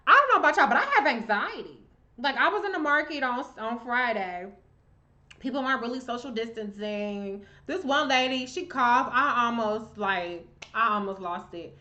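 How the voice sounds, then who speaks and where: A woman's voice: on the high side, pushed and bright, muffled recording. A woman hosting a live Q&A, reading viewer comments and answering in a blunt, chatty, profane way. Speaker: livestream host.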